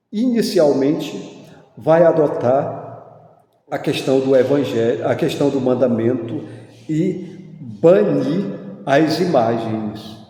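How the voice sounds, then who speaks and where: A man lecturing on mythology and religion, explaining deliberately and posing rhetorical questions. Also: medium pitch, dark tone. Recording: echoey hall with long reverb.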